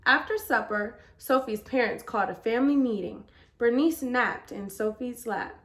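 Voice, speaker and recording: A woman reading a children's picture book aloud as storyteller, with expressive, deliberate emphasis. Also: fairly high pitch.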